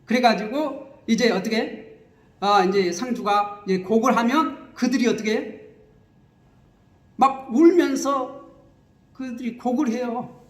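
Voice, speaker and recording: A man preaching a sermon as pastor, explaining scripture with lively repetition and acted-out wailing, recorded in a church. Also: very high-pitched, slow, pauses often. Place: church sanctuary. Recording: echoey church hall.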